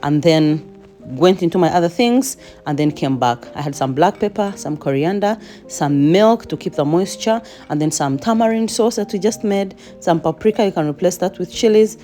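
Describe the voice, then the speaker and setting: A woman's voice: on the low side, moderate pace, dark tone, faint music behind. A woman home cook giving a chatty cooking voice-over with playful asides.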